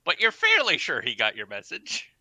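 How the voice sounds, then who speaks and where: Guy player narrating what his character does, super bright voice, really animated. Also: fairly high pitch, moderate pace, no room sound. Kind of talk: casual tabletop game play.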